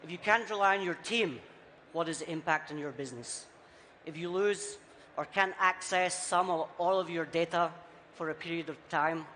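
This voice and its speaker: On stage in a large conference hall, a conference speaker from Scotland gives a keynote in a higher-leaning voice. Years abroad have softened his Scottish accent. He hammers points home in short, repeated, rhetorical phrases, and the hall's reverb and faint background noise come through.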